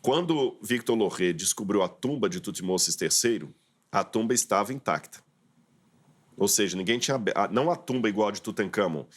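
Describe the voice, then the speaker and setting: A man's voice: fairly low pitch, expressive, fairly quick. A man, a guest professor on a studio talk show, explaining terms step by step in an interview.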